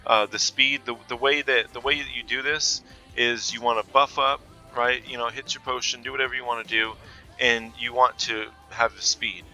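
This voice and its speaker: Chatty man with a very bright voice. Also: mid-range voice, fairly even intonation, moderate pace, soft background music, rough recording. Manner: chatty, loose, with frequent fillers and self-corrections. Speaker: gaming content creator. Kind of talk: casual game build walkthrough.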